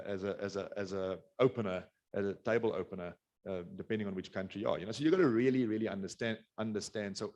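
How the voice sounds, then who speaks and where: Middle-aged South African man, low voice, quick rambling business webinar talk, lots of restarts. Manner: rambling, many restarts and fillers. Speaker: business speaker. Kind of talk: webinar presentation.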